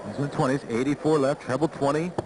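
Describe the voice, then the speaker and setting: A man's voice: medium pitch, steady tone, fast talker. Male expert co-commentator, very noisy broadcast. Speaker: expert co-commentator, former player. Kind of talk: analytical live sports commentary.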